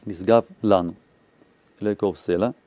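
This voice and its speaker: Low, mellow man teaching slowly. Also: fairly even intonation, dry recording. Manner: slow, explanatory, chanting phrases aloud and translating. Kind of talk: explanatory lesson.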